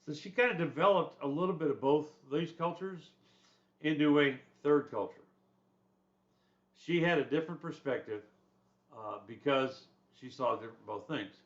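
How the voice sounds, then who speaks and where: An older man, a retired soldier born in Germany and raised in the United States, lectures casually on a textbook chapter, rambling conversationally with restarts and asides. His voice is a little high at a moderate pace, in a slightly dull lo-fi recording.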